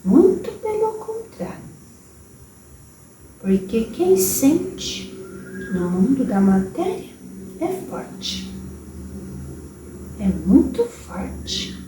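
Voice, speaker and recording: Brief: a woman playing an old grandmother spirit with a Brazilian accent, high and lilting, unhurried motherly counsel, soft whispers, roomy distant sound. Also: very animated, exaggerated voice. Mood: tender. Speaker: spirit medium. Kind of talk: channeled spiritual message. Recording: roomy distant recording with faint hiss.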